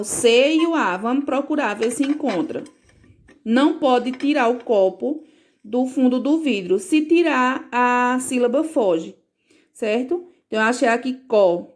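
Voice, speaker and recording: A woman's voice: on the high side, a little mellow. A woman teacher recording a home lesson for parents, patiently explaining and checking in with frequent questions.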